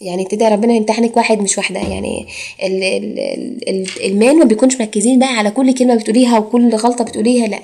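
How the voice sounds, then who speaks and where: A woman's voice: a little high, steady tone, mellow, slight background noise. A woman teaching an IELTS course in Egyptian Arabic, mixing in English exam phrases and drawing out her fillers. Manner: drawn-out fillers and hesitations. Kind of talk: recorded lecture.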